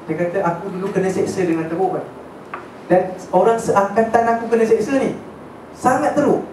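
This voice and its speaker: A man's voice: very high-pitched, a little mellow. A man teaching a religious class as casual storytelling, chatty and often checking in with his listeners. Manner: chatty, checks in with listeners, mixes in English words. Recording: echoey hall, distant mic, faint noise.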